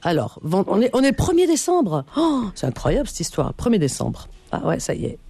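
A woman's voice: mid-range voice, huge pitch swings, fairly quick, creaky, dark tone, slightly rough, no echo. A woman hosting a call-in radio show, chatting casually and teasing her caller with lots of fillers. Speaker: radio host.

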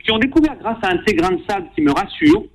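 A man's voice: high-pitched, big pitch swings, racing, vocal fry, a crowd in the background, rough recording. A middle-aged man, a doctor, giving an ironic spoken radio column in long sentences.

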